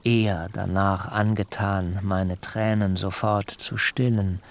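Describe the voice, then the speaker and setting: An actor playing Jakob, a proud, wary man who recounts his own story in measured, wry, literary phrasing for a radio drama. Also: deep voice, flat delivery. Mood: wry, reserved. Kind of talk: scripted first-person narration in a radio drama.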